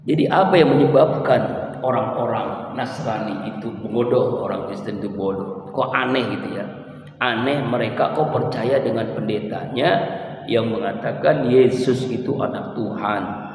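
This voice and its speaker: A man's voice: mid-range voice, moderate pace, a little mellow, slight background noise. A man giving a dawn sermon in a small prayer room, reciting Arabic verses and then explaining them with rhetorical questions. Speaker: preacher. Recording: very echoey room with long reverb.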